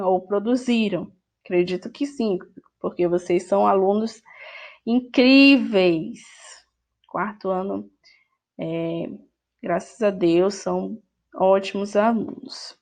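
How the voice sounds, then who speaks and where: A woman teacher with a Brazilian Portuguese accent, correcting a workbook in an online lesson, who speaks patiently and repeats each word. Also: medium pitch. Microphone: screen recording with voice-over.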